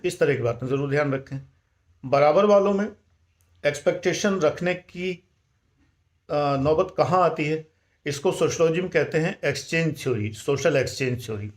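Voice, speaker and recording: An older man giving calm, measured life-management advice and mixing in English words. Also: on the high side.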